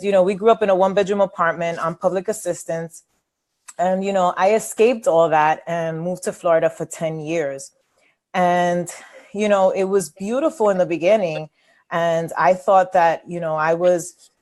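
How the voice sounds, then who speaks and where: A woman's voice: fairly low pitch, darkish tone. A woman, hosting a webinar as a coach in a candid, chatty way with many fillers. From New York City. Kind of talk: casual webinar talk.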